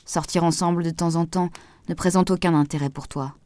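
A woman voicing a calm, soft-spoken man in an audiobook, speaking gently and with measured words. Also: on the low side, close to an everyday voice. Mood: gentle firm. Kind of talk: audiobook dialogue reading.

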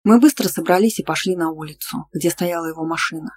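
Even first-person audiobook narrator. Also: mid-range voice, fast, breathy edge.

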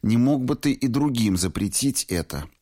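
A man's voice: mid-range voice, expressive, moderate pace, warm tone, pitched above the performer's own voice, natural voice. A man voicing an embarrassed young man who gives subdued, hesitant replies in an audiobook reading. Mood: quiet.

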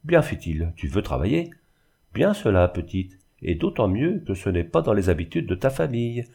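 Guy reading a grumpy stingy old uncle, piercing whiny voice, curt, lowish and dark. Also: very animated, moderate pace, full character voice. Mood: grumbling. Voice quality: piercing, plaintive. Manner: gruff, curt. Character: suspicious miserly old uncle, thin and bent.

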